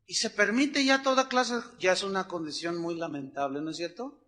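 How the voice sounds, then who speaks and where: High, bright-voiced Mexican pastor storytelling. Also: male voice, fairly even intonation, moderate pace. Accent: Mexican Spanish. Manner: storytelling, conversational, acts out voices of others. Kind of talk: sermon.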